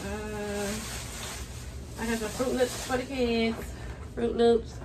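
Unloading her groceries at home, this young vlogger and mom talks casually to "y'all" while feeling hot and sweaty. She has a fairly high, fairly even voice and a slow delivery. The camera sits on the kitchen counter some way off, so the mic is distant and the room is noisy.

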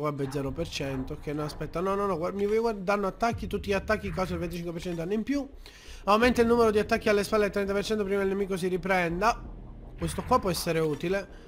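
A young man doing let's-play commentary, loud and excitable, often shouting and swearing. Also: high voice. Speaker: gamer.

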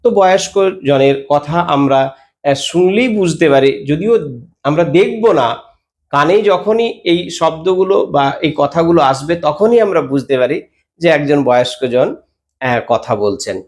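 A man's voice: fairly high pitch, lively intonation, a little slow. A man teaching a grammar lesson, explaining step by step with frequent hesitations and spoken examples of sounds.

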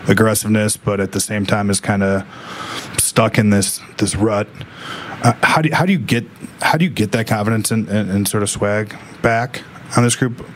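A man's voice: fairly low pitch, moderate pace, slight background noise. A man, a reporter asking long, winding questions with many restarts at a press conference. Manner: rambling questions full of restarts.

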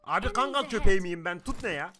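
A man plays the sidekick in comic gameplay banter, answering with exasperated retorts. His voice is high and bright and comes at a brisk pace. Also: expressive. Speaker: gaming sidekick.

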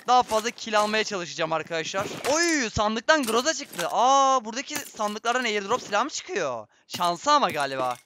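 A man giving excitable, running commentary on his own gameplay, often exclaiming when things go wrong. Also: very high voice, a little hiss or hum. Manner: excitable, swears and exclaims at deaths. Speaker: gaming streamer. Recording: game sounds and gunfire behind voice.

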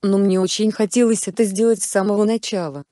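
A woman voicing a young fiancée who is hurt and fierce, sharp when angry. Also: medium pitch, fairly even intonation, quick pace, no echo, studio quality, lightly acted. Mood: dignified. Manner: cold then furious.

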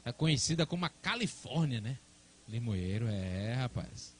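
A man's voice: mid-range voice, very animated, normal speed, slight background noise. A man calling a football match live in a chatty, colloquial way. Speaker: football play-by-play commentator.

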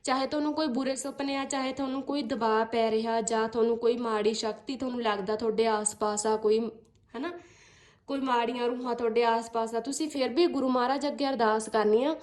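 A woman's voice: on the high side, fairly even intonation, a little fast, a little mellow. A woman giving earnest devotional advice, repeating phrases and coaxing listeners politely. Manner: earnest, repetitive, coaxing with frequent "ji". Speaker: spiritual speaker.

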